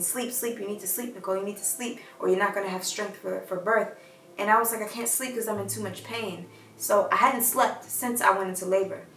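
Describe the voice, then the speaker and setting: A woman's voice: medium pitch, a bit bright, reverberant, recorded from a distance, poor audio. A woman telling a personal story in a candid, reflective, casual way, with many fillers. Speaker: vlogger.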